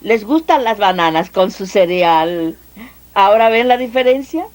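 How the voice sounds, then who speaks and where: A woman preacher teaching an audience about speaking in tongues, lively and full of questions to the listeners. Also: mid-range voice, unhurried. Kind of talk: teaching at a healing seminar.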